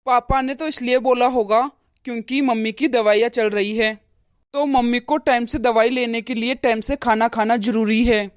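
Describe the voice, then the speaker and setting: A fretful young husband in a cartoon, voiced by a woman, torn between his wife and his parents. He talks in a soothing, placating way, in a highish voice with a dry, close sound. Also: steady tone, normal speed, clear, resonant tone, no room sound, dull audio, close to an everyday voice. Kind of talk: cartoon voice acting.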